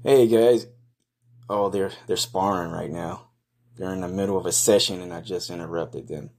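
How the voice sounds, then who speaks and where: Casting: low-pitched male for off-the-cuff, foul-mouthed, slangy first-person narration with a blunt, mocking edge. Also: steady tone, normal speed, darkish tone. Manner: crude, profane, slangy. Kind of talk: casual improvised first-person running commentary.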